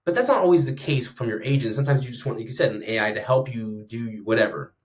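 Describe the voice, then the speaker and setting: Animated rambling man in casual talk. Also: medium pitch, fast. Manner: animated, rambling, many fillers and restarts. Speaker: guest speaker on conversation design. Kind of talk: casual podcast conversation.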